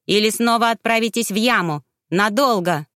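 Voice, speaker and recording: A woman's voice: medium pitch, moderate pace, fairly bright tone, dry recording, clean studio sound, lightly acted. A woman voicing an arrogant, spiteful young boy heir with a sneering, haughty manner in an audiobook.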